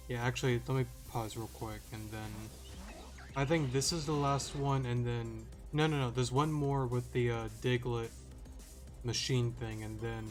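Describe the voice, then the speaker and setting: A young man giving casual gameplay commentary as a let's-play gamer, rambling and hesitant with lots of ums and self-corrections. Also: mid-range voice. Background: faint game music.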